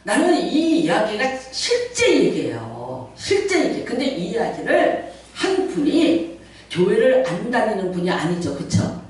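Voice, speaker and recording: A woman's voice: a little high, huge pitch swings, unhurried, a little mellow. A middle-aged woman pastor preaching a Sunday sermon in a conversational, storytelling way, with playful asides and acted-out quotes. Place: church sanctuary. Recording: very echoey hall, mic far off.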